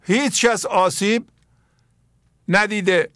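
A middle-aged man with an Iranian Persian accent, slowly reciting mystical poetry and explaining it in a plain sermon. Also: high voice, fairly even intonation, fairly bright tone, dry recording, studio quality. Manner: slow, emphatic recitation of verses then plain explanation. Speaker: spiritual teacher.

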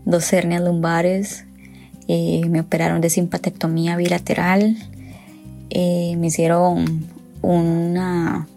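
A woman's voice: on the low side, monotone, slow, gravelly, dark tone, soft background music. A woman in her thirties with a Costa Rican accent, telling a personal story in a candid, emotional way with wry touches. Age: 30s.

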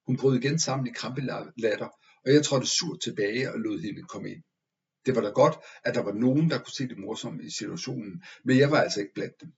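A man narrates a first-person tale in a measured, expressive manner. His voice sits at an ordinary middle pitch. The recording sounds a little dull and lo-fi. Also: vocal fry. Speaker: audiobook narrator. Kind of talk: scripted story narration.

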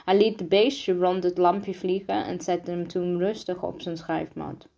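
Slow, halting woman reading a children's book. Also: lowish voice, level tone, gravelly, warm tone. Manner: halting, frequent restarts and slips. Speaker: reader.

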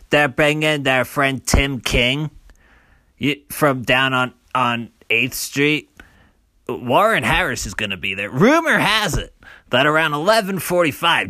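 A man leaves a long, rambling voicemail for an old buddy, boisterous and chummy. His voice is bright and forward. The sound is dry and close, with no room around it. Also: medium pitch, no room sound. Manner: boisterous, chummy, lists names at length. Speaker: caller.

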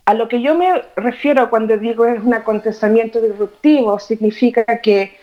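A psychologist interviewed remotely, speaking hesitantly with many "eh" fillers. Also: female voice, a little high, normal speed. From Chile. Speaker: psychologist guest. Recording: dull lo-fi call line.

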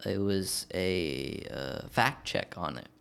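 A man's voice: low voice, takes it slowly, vocal fry, a bit bright, clean tone. A man hosting a casual podcast discussion, talking hesitantly with many fillers. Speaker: podcast host.

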